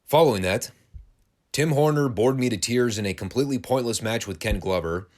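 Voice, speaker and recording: A man's voice: mid-range voice, a little fast, a little mellow. A man hosting a wrestling podcast, giving a casual, sarcastic and crude play-by-play review of an old broadcast. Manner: sarcastic, crude, dry humor.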